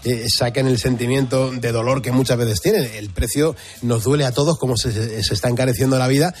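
A man's voice: mid-range voice, fairly even intonation, a little fast. A man hosting an early-morning radio show, chatting in a friendly, bantering way. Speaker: radio host. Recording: radio broadcast with faint music.

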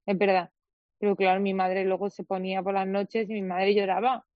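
A young woman from Spain speaks as a radio guest and tells a personal story, full of quoted dialogue and restarts. Her voice sits at a middle pitch. The studio sound is dry and a little dull. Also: little pitch movement, normal speed, dry recording. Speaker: interview guest, footballer. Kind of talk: emotional personal account in an interview.

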